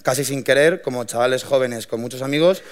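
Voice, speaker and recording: A young man, telling his founding story to an audience in a lively, colloquial way with many restarts. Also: medium pitch, fairly quick. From Madrid, Spain. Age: 20s. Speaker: young entrepreneur giving a talk.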